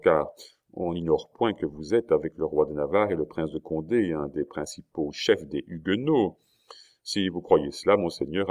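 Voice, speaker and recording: A man's voice: deep voice, darkish tone. A man reading as a proud, hot-tempered young captain. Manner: blunt, passionate, quick to anger. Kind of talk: audiobook character reading.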